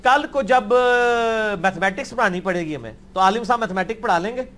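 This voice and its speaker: Man, high voice, blunt and argumentative scholar fielding questions. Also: fairly bright tone, slight background noise. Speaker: religious scholar answering questions. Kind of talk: question-and-answer session.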